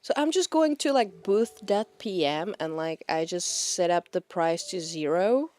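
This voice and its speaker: Slow-talking woman streamer. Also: fairly low pitch, expressive, a little mellow. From Czech Republic. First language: Czech. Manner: rambling, laughs often. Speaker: VTuber streamer. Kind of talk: casual chat with live chat.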